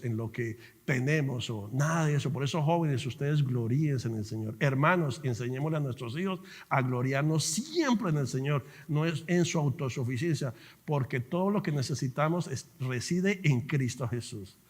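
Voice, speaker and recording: A middle-aged man preaching a sermon in church, telling his story with animated fervor. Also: mid-range voice, slightly rough, long reverb tail. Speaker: pastor. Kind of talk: sermon with personal testimony.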